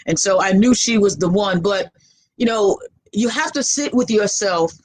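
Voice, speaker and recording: A woman's voice: mid-range voice, moderate pace, poor audio. A woman guest giving motivational life advice in a conversational way, repeating phrases for emphasis.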